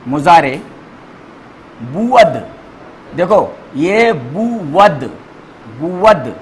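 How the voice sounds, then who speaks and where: A man with a fairly high, very animated voice teaches a grammar class at an unhurried pace. He repeats each word and spells it out letter by letter for students to copy. A faint hum of room sound sits behind him. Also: rough recording.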